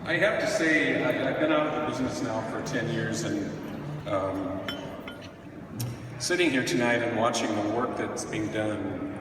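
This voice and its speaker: A middle-aged man giving an acceptance speech at a podium, speaking haltingly with frequent pauses. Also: medium pitch. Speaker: award recipient, veteran film editor. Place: large indoor hall at an awards event. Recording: very echoey hall, distant mic, faint noise.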